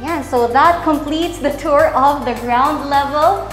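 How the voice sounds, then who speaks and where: Woman, young adult, from the Philippines, property tour host, upbeat salesy walkthrough, high voice, echoey empty rooms. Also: unhurried, fairly bright tone, soft background music. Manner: upbeat, salesy, addresses viewers as guys. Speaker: real estate tour host. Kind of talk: walking house tour presentation. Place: large empty townhouse interior, indoors. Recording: roomy echo from bare rooms.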